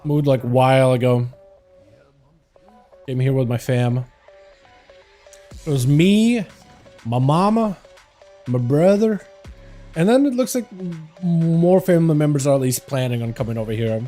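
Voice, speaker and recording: Soft background music accompanies a young man with a slight Russian accent who streams games and chats casually. His mellow, mid-range voice moves at a measured pace with long pauses as he rambles, responds to chat questions, laughs frequently and keeps saying "like."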